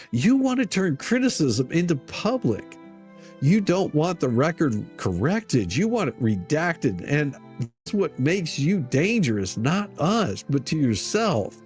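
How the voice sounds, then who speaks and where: A mid-range, slightly mellow male voice belongs to an online commentator who reads an open letter scathingly, with theatrical mockery and plenty of profanity. Music plays in the background.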